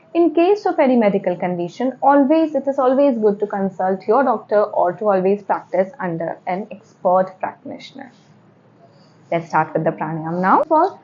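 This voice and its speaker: A woman's voice: medium pitch, dull audio, a little hiss or hum. A woman with an Indian accent giving spoken yoga instruction step by step, repeating and rephrasing key points as she goes.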